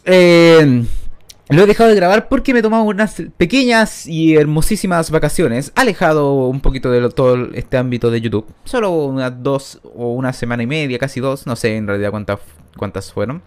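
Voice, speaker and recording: A man's voice: mid-range voice, fairly quick, smooth. A man, giving rambling, self-mocking gameplay commentary into a studio microphone. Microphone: new studio microphone.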